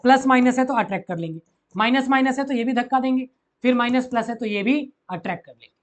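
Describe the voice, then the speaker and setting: Talking fast in a very high-pitched voice, a man teaches school physics in a mix of Hindi and English. Key phrases get repeated, and he constantly asks the class questions.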